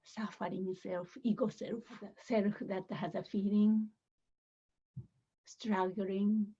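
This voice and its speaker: In dull audio, a woman with a mid-range voice leads a gentle guided meditation. She speaks softly with many pauses, her breathy tone often dropping nearly to a whisper.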